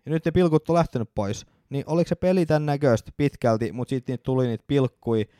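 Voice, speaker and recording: A man co-hosting a podcast who pushes back in a casual debate with calm, measured points. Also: mid-range voice, no echo, clean studio sound. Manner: calm, measured counterarguments, opens with "no" and "niin". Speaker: podcast co-host.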